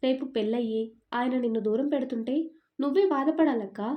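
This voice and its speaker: A woman's voice: a little high, fairly quick, muffled recording, lightly acted. A woman voicing a stubborn, suspicious young woman who fires off accusing questions.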